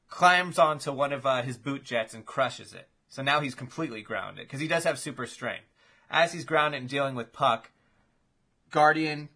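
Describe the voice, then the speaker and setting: A man hosting a casual chat, telling imagined fight matchups in an animated, swearing play-by-play. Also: mid-range voice.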